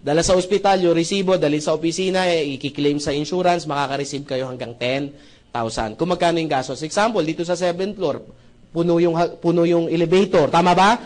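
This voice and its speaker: Speaking a little fast, this man has a slightly high, somewhat mellow voice. Before a live crowd, he jokes his way through a sales pitch on membership benefits, addressing listeners as brothers and sisters and often tossing in a rhetorical "tama ba?"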